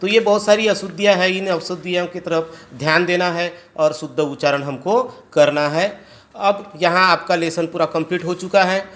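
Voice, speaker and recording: A man teaching a grammar lesson to students, spelling words out sound by sound and asking them quick check questions. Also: high-pitched, fairly even intonation, fairly bright tone. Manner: explains step by step, asks students rhetorical check questions. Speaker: Hindi teacher. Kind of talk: classroom lesson.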